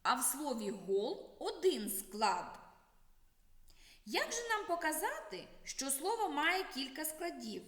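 A woman with a high voice leads a children's literacy lesson at an unhurried pace. Her sing-song teacher delivery swoops up and down. The recording has a roomy, echoing sound with a long reverb tail. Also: fairly bright tone. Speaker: primary school teacher. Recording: echoey room with long reverb.

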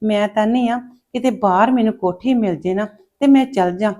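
A woman's voice: mid-range voice, a little fast, dark tone, natural voice. A woman playing a jealous young mother who grumbles bitterly about her husband's sister. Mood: spiteful. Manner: bitter muttering.

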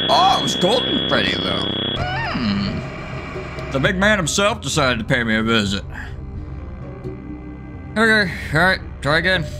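A young man doing excitable, playful horror game commentary, breaking into exclamations and swearing, speaking close to a microphone in a room. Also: medium pitch. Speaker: video game streamer.

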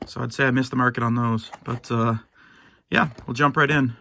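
A middle-aged man opening a box of sports cards for his channel, easygoing and rambling with lots of fillers and restarts, a little hoarse and clearing his throat now and then. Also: medium pitch, fairly even intonation, moderate pace, bright, forceful tone, a little hiss or hum. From United States. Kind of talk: casual box-break commentary. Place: at home, in his basement.

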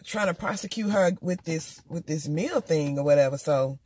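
A woman's voice: deep voice, moderate pace, darkish tone, husky. A woman recapping a TV episode in casual, slangy chat, talking candidly straight to her viewers. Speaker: TV episode reviewer.

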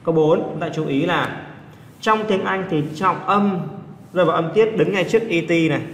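Male teacher, somewhat high, gravelly voice, explaining test answers in an echoey room with faint noise. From Vietnam. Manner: explains step by step, asks students quick check questions. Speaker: English teacher. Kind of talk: exam answer walkthrough.

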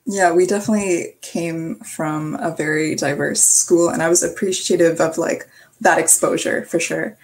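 A young Canadian woman hosts a casual group discussion over a video call, passing the word from guest to guest with friendly, quick hand-offs. Her voice is low and steady in tone. The recording is low quality, with a little hiss or hum.

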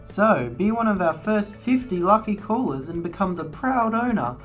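A woman delivers a scripted parody sales pitch in a lively, varied tone. Her voice sits at a middling pitch, with faint music behind it. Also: moderate pace. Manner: mock-salesy, scripted patter. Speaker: infomercial presenter.

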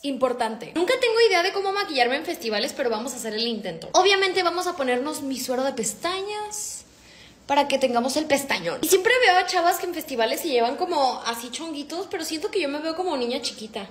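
Woman, Mexican accent, high-pitched, casual slangy vlog chatter, roomy echo. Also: lively intonation, quick pace. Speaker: vlogger. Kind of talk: casual storytime vlog while doing makeup. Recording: echoey room.

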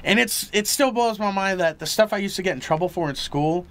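A man's voice: high-pitched, brisk, fairly bright tone. A man from Texas, a guest comedian, talking in an interview, eager and chatty with many fillers. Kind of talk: interview chat.

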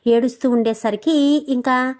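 A woman with a notably high voice narrates a scripted TV serial recap. Her telling is dramatic, and she keeps posing questions as she moves through the story. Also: steady tone, unhurried, darkish tone.

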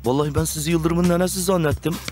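A man's voice: a little high, fairly even intonation, fast, darkish tone, soft background music, close to an everyday voice. A young man playing a deferential henchman reporting to his boss in a TV comedy-drama, respectful and earnest. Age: young adult.

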